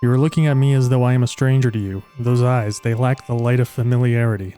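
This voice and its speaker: A man's voice: mid-range voice, fairly even intonation, quick pace, dark tone, soft background music, natural voice. A man reading the lines of a solemn, formal old woman sage from a video game in his own voice. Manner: reads game dialogue aloud in his own voice.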